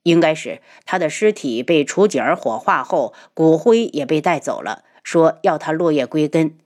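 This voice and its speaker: Cold aloof prince, low and steady, storybook reading, voiced by a woman. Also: normal speed. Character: calm cool-tempered noble prince, man.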